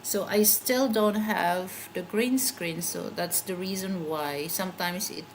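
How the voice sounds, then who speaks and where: A middle-aged woman with a Filipino accent, whose first language is a Philippine language, rambles casually on a livestream for her own channel, searching for words as she goes. Her voice is lowish and slow, and the audio is poor, with a little hiss or hum.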